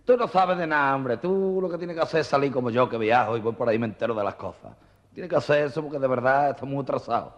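A man's voice: medium pitch, fast talker, natural voice. A man doing a smug, know-it-all braggart. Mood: mocking. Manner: raised, mocking and sure of himself. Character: boastful, know-it-all man mocking his friend. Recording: muffled reverberant old cassette.

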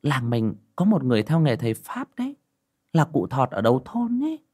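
A man voicing a frightened grandmother in a rural village, crying out in a shrill voice. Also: wildly swooping pitch, brisk, darkish tone, husky. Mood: eager. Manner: shrill, panicked cries.

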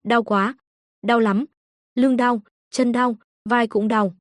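A woman voicing a small, sick, obedient boy in a soft, childlike, pleading voice. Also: a little high, steady tone, slow, no echo, studio quality. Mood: weary pleading.

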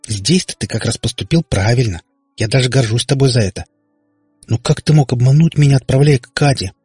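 A man voicing a proud, teary teenage witch girl in an audiobook, with a raised, husky voice. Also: medium pitch, fairly quick, warm tone, no room sound, studio quality, faint music behind, voice pushed up. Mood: hurt, reproachful.

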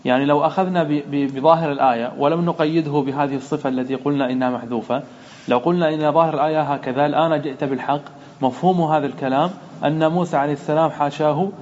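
A man's voice: fairly high pitch, fairly even intonation, fast talker, darkish tone, muffled recording. A man, a sheikh, teaching a grammar lesson in a methodical way, asking and answering his own questions.

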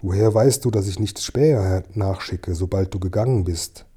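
A man's voice: low-pitched, moderate pace, dark tone, husky. A man reading an audiobook and voicing a frail, starving old man who whispers and wails in fear. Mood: whispering fearfully. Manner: whispering, wailing, fearful.

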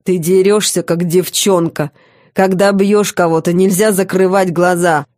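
Smug teasing demon guy, slow sweet drawl, low mellow dry voice as a lady reads him. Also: fairly even intonation, dry recording, lightly acted.

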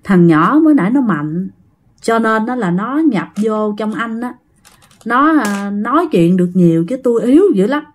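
A woman's voice: a little high, lively intonation. Woman doing a feeble, weary old ghost. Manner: slow, feeble, tired speech. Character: weak, weary old male ghost possessing a man.

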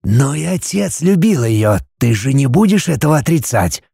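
A man doing a hushed, wise old basilisk. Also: medium pitch, very animated, gravelly, breathy edge, no echo, studio quality, voice pushed up, heavily acted. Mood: admonishing. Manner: hushed, slow and measured. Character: ancient male basilisk, calm, wise and admonishing.

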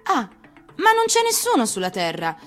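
Storybook child prince, woman performer: high, animated boy, wondering, eager and courteous, gently earnest. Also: moderate pace, faint music behind, full character voice. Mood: puzzled.

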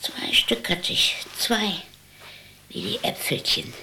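A woman's voice: on the low side, big pitch swings, slow pace, creaky, pushed and bright, slight background noise, full character voice. Cantankerous, imperious old woman, swooping voice. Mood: wistful. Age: older. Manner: querulous, imperious, theatrically indignant. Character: cantankerous, vain old woman neighbour, wheedling and self-pitying. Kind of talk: naturalistic German radio drama.

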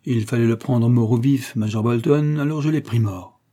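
A man voicing a steady frontier army scout in a read-aloud adventure story, speaking calmly and matter-of-factly. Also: medium pitch, moderate pace, close to an everyday voice. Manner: calm, matter-of-fact.

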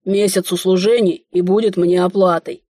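A woman voicing an easygoing, slyly teasing village man in an audiobook, talking in an unhurried, folksy way. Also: lowish voice, fairly even intonation, dark tone, husky, dry recording, studio quality. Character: easygoing village man, hired helper, sly.

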